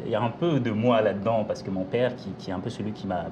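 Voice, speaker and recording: A man from Congo, a novelist, answering interview questions in a measured, articulate way with some hesitations. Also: on the low side, steady tone, muffled recording, noisy background. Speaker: novelist guest.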